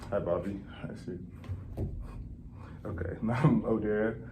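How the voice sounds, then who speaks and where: Deep-voiced man leading a counseling intake. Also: unhurried. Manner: calm, gently probing, steady acknowledgments. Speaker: counselor in a training role-play. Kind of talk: counseling intake role-play. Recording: noticeable background noise.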